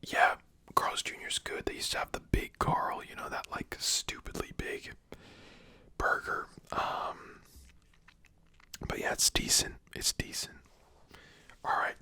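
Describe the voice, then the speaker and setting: Bright, whispering casual ASMR host. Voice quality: whispering, mostly unvoiced. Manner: casual, informal, slangy. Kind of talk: whispered ASMR, ranking commentary.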